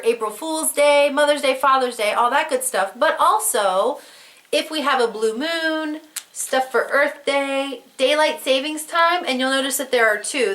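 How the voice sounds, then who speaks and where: Here the host's voice sits a little high with a fairly bright tone. Nursing a head cold that's wearing her voice down, she walks through her crafts in a loose, rambling way. Expect fillers, false starts, frank talk and offhand cursing in this relaxed show-and-tell vlog.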